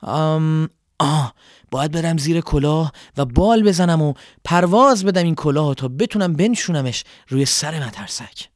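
A man voicing a small, timid, eager swallow bird in a children's story, with a high, chirpy, strained voice. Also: animated, no room sound, studio quality, natural voice. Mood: fretful. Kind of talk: storybook voice acting.

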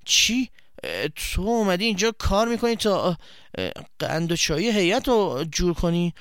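A man voicing a hot-tempered schoolboy who scolds a friend with loud, accusing questions. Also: high-pitched, sing-song, smooth, no room sound, studio quality. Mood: impatient.

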